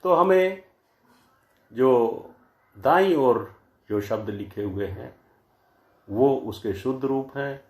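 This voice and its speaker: A man teaching a grammar lesson from slides, saying each word slowly and often twice so that wrong and right forms can be compared. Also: medium pitch, lively intonation, a little mellow, roomy sound. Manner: slow, deliberate, says each word pair twice to contrast. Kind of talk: slide-based lecture.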